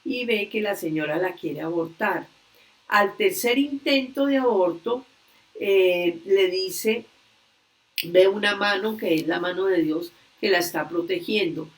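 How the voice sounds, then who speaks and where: A woman leading a religious workshop, earnestly retelling a story slowly and with frequent hesitations over a video call. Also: medium pitch. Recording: distant video-call audio.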